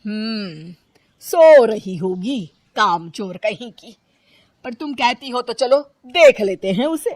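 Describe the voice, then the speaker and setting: Woman playing a slow-spoken, scolding mother-in-law. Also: a little high, expressive, darkish tone, dry recording. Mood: mocking. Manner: scolding, dry, unimpressed.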